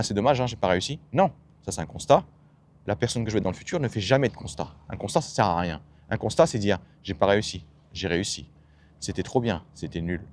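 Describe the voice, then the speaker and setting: Fast-talking man coaching. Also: lowish voice, darkish tone. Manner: emphatic, rhetorical questions, blunt slang. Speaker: self-development coach. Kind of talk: motivational monologue.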